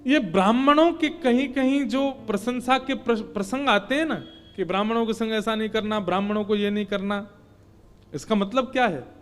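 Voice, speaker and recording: A male preacher giving a devotional story sermon, narrating with animated storytelling and chanting scripture verses. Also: high-pitched, normal speed.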